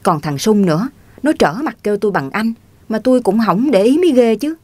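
A woman's voice: mid-range voice, lively intonation, brisk, darkish tone, dry recording, lightly acted. A woman reading the part of a touchy, stubborn grown man from the countryside who grumbles defensively. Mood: grumbling.

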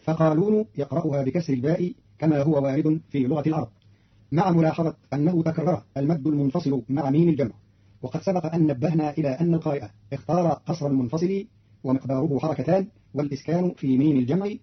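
A man speaks quickly in a very husky, raspy voice, delivering a formal scripted explanation. The recording is dull and lo-fi, like old archive radio. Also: a little high. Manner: formal, didactic, measured. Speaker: radio presenter explaining readings.

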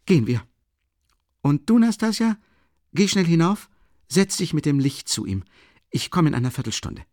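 A man reading an audiobook voices a drunk, rapturous young man who babbles in an excitable, gushing rush. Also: fairly high pitch, normal speed, dry recording, studio quality, voice pushed up. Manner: excitable, gushing, tumbling speech. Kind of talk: audiobook character voice.

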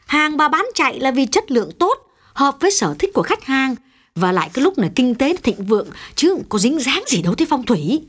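A no-nonsense official's wife read by a woman narrating, dismissing superstition outright. Her voice is slightly high and expressive. She speaks firmly and with confidence. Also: fairly quick. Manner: firm, dismissive. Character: firm skeptical middle-aged official's wife. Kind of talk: audiobook reading.

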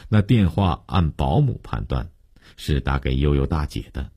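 A man narrating a serialized story in a steady, measured way. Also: a bass voice, husky, no echo, clean studio sound.

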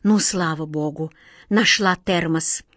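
A woman voicing a flustered, clumsy young girl who pleads in a high, hurried voice. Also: fairly bright tone, dry recording, clean studio sound, exaggerated voice. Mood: relieved.

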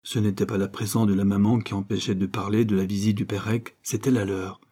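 A man reading a novel aloud in a measured storytelling manner as an audiobook narrator. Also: fairly low pitch, little pitch movement, warm tone, slightly rough.

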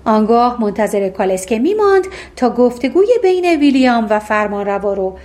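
Lively woman reading a fairy tale. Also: fairly high pitch. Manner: voices the characters with lively expressive reading. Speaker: audiobook narrator.

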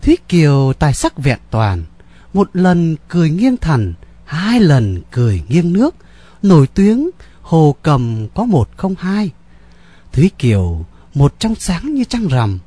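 Husky, animated male storyteller. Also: high voice, measured pace, no room sound. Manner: lively, ornate storyteller delivery. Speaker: narrator. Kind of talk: dramatic storytelling narration.

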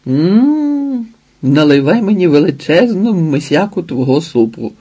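Man reading a loud, breezy, mocking guy, husky and dark in tone, pitched up and teasing, audiobook figure. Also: very animated, a little slow, full character voice. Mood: eager.

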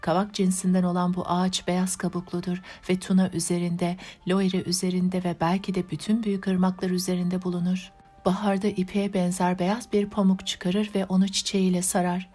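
A woman narrating a classic novel as an audiobook, in an even, measured reading. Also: fairly low pitch.

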